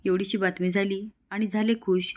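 A woman's voice: medium pitch, level tone, moderate pace, a little mellow, close to an everyday voice. Woman doing sly village guy, coaxing, big promises. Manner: coaxing, boastful. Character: scheming young village man.

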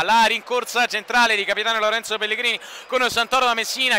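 A man giving live radio football commentary in a fast, crisp, emphatic manner. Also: extremely high pitch. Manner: excited, emphatic delivery. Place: football stadium, commentary position. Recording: outdoor stadium ambience noise. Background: faint stadium ambience.

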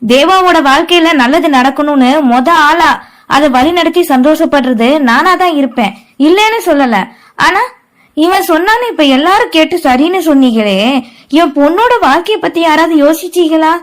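A woman's voice: high voice, moderate pace, voice pushed up, close to an everyday voice. A woman voicing a distraught middle-aged mother who wails and laments over her daughter. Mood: upset. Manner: wailing, lamenting.

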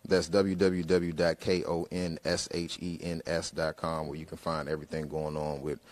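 A man's voice: extremely low pitch, normal speed. A man in his thirties, a rapper, talking into a handheld mic on a concert hall stage and then rapping in punchy rhythm. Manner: relaxed talk trailing off quiet, then punchy rhythmic rap. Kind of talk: interview answers, then rapping over live winds. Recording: live music in a hall.

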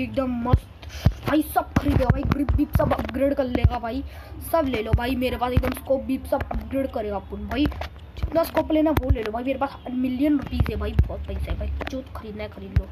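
Brief: a man voicing a squeaky, boastful cartoon cat gamer, rattling off commentary over loud game noise. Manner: chattery, calls everyone brother, boastful. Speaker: gaming video host. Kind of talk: in-character gameplay commentary.

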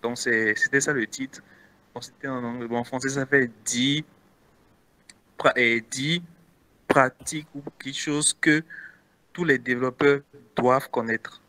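A man's voice: medium pitch, steady tone, measured pace, pauses often, pushed and bright. A man with a Beninese French accent answering interview questions casually as a guest content creator, hesitant with many restarts.

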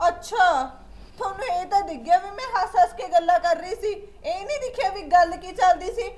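A very high-voiced young wife, indignant and protesting, pushing back at her husband, as an actress plays her. She explains herself again and again. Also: a little fast, a little mellow.

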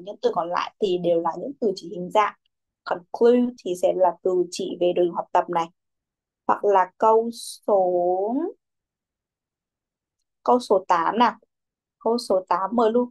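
A woman's voice: mid-range voice, a little slow, a little mellow. A young woman teaching a children's English class, who calls on pupils by name, repeats their answers and mixes English words into her instructions.

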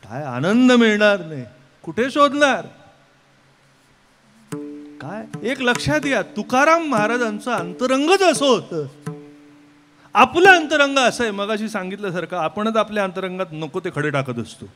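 A man giving a devotional kirtan sermon, with rhetorical questions and sudden swings from soft to loud. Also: high-pitched, expressive, normal speed, pauses often, faint music behind. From Mumbai, India. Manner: rhetorical, keeps asking "kay", swings between soft and loud. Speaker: kirtan preacher.

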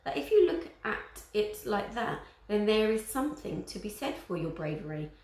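A woman's voice: medium pitch, big pitch swings, normal speed, far from the mic. A woman reading aloud and voicing a stern middle-aged Roman father who snaps and scolds. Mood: grudging. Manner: sharp, scolding. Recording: roomy echo.

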